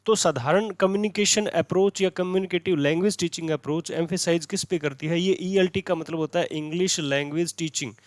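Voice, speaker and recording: Indian male tutor, slightly high pitch, dry close mic, asks and answers his own questions, slow careful English readings. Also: no room sound. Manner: repeats key words as questions and answers them. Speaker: teacher. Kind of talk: exam-prep lecture.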